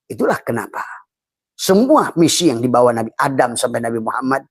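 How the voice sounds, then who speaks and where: A middle-aged man teaching spirituality in an informal, fatherly way, chuckling often between phrases and slowly drawing out chanted Arabic phrases. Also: mid-range voice, big pitch swings, breathy edge, no room sound. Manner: calls himself a fatherly elder, addresses listeners as friends; chants Arabic phrases in a slow, drawn-out cadence.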